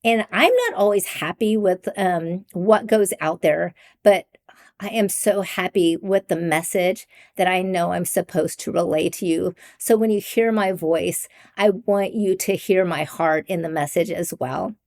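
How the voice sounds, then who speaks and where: A middle-aged woman hosting her own faith-based coaching podcast, talking earnestly with frequent ums and soft laughs. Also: lowish voice, measured pace. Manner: mimics raised greeting voices. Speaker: podcast host and life coach. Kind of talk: candid solo podcast talk.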